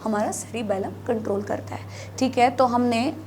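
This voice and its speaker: A woman's voice: on the high side, steady tone, normal speed, darkish tone, a little hiss or hum. A woman teaching biology in a classroom lecture, mixing Hindi with English terms, asking and answering her own questions. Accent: North Indian Hindi.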